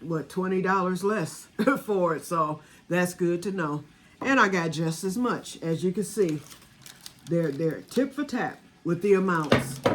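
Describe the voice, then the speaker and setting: In a lowish voice, with slight background noise around her, a woman in her sixties chats to camera about the batch of vanilla she made at home. Her talk is casual and rambling, aimed directly at viewers.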